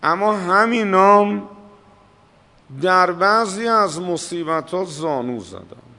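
A man preaching a religious sermon, slow and emphatic, drawing out the words he stresses. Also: high-pitched, animated, pushed and bright, in a large hall. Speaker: cleric.

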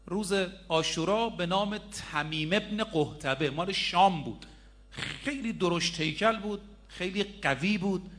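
A man's voice: high voice, a bit bright. A middle-aged man preaching a sermon, telling a story and speaking straight to his listeners. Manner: storytelling, addresses listeners directly.

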